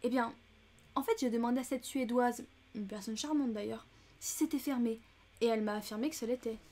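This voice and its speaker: A woman's voice: fairly high pitch, dark tone, close to an everyday voice. A woman reading as a fussy, chatty older American lady. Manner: chatty and indignant. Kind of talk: audiobook character reading.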